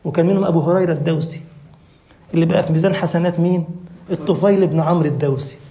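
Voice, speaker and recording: Fast, high-pitched Egyptian preacher in an echoey hall. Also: male voice. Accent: Egyptian Arabic. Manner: impassioned, rising to near shouting at climaxes. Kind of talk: mosque sermon. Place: mosque hall.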